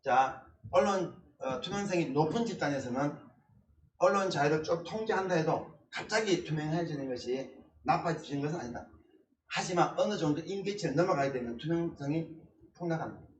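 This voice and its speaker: A male instructor teaches at a blackboard with emphatic repetition of key words. His voice sits a little high. He is picked up from some distance in an echoey classroom, with faint background noise and clicks. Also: animated, brisk. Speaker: essay-writing instructor. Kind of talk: blackboard lecture.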